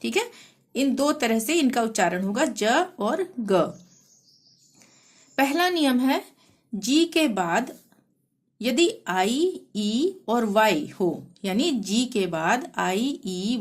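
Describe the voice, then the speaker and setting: A woman teacher explaining pronunciation rules patiently, spelling out words letter by letter and repeating each rule. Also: a little high. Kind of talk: language lesson.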